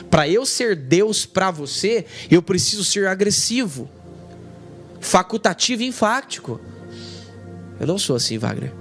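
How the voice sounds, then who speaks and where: A man voicing God as a gentle, fatherly figure who speaks calmly and patiently to him. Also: a little high, voice pushed down. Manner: calm, patient, reassuring.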